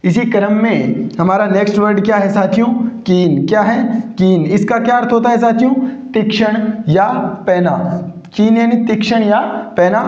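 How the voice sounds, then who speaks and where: A man with a high voice teaches an exam-prep vocabulary lesson. He keeps asking rhetorical questions and repeats every answer to drill it in. The sound is dull and lo-fi, recorded in an echoey room. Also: a little mellow. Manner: calls his students friends and companions.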